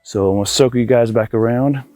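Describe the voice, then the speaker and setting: An audio-video installer gives a casual, enthusiastic walkthrough vlog of his project, filmed outdoors in a backyard by a pool. He talks informally to viewers at a quick pace in a mellow, mid-range voice.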